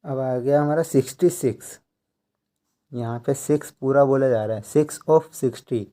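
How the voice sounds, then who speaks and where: A man giving a slow tutorial, counting out numbers one by one and explaining how each is read. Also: mid-range voice, warm tone. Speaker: language teacher.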